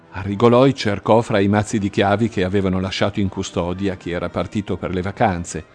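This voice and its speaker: A man reading crime fiction aloud in a measured, dramatic way. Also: fairly low pitch, a little mellow. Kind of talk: audiobook crime narration.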